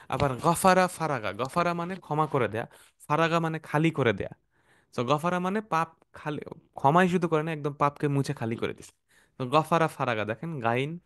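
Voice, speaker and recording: A man's voice: a little high, no echo, studio quality. Patient male Arabic teacher. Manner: patient, repeats words slowly, mixes English terms. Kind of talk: explanatory online class.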